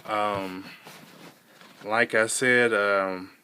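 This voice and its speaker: A young American man speaks in a slightly low but bright, smooth voice. His delivery is casual and halting, as in a personal vlog. He rambles through his account and repeats words to stress them. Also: fairly even intonation. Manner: halting, rambling storytelling with repetition for emphasis. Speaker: vlogger.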